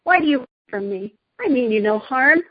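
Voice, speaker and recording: A woman's voice: high-pitched, animated, fairly quick, breathy edge, no echo, lo-fi sound. A woman voicing a proud, tempting evil witch queen from a storybook, with an imperious, persuasive manner. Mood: commanding.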